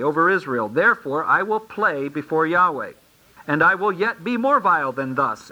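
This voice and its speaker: A man's voice: a little high, bright, forceful tone, low-quality recording. A man preaching a sermon, reading Bible verses aloud and explaining them in plain, folksy asides. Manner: reads verses aloud, then comments.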